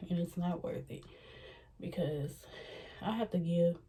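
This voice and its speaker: Earnest woman vlogger, low dark voice. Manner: earnest, halting, self-reflective. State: slightly out of breath. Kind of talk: casual reflective talk to camera.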